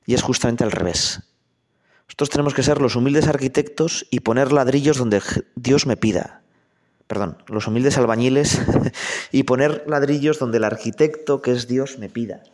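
Man, priest, conversational sermon, mid-pitched voice, asks the listener questions. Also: moderate pace, darkish tone. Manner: conversational, addresses listener directly.

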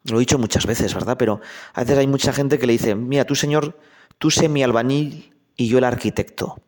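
A man's voice: medium pitch, a little fast. Man giving a conversational sermon. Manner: conversational, addresses listener directly. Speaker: priest.

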